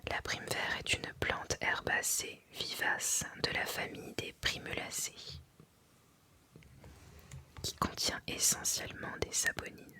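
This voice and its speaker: An ASMR reader whispering softly in an unvoiced, breathy voice, reading aloud carefully with deliberate pauses.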